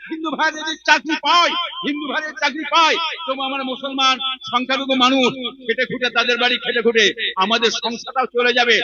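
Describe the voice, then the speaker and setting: A hoarse man with a West Bengal Bengali accent, preaching a rousing political speech to a crowd and firing questions at them through a microphone. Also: very high voice, muffled recording. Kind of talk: political speech at a religious gathering.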